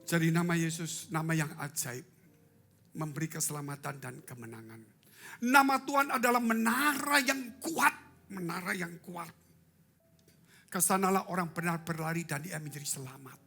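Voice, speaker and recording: Male pastor, live sermon, theatrical swings between loud and hushed, jokes with the congregation, faint music underneath. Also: on the high side, moderate pace, vocal fry. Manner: dramatic, leaps from loud cries to hushed asides; humorous, asks the congregation questions. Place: church sanctuary.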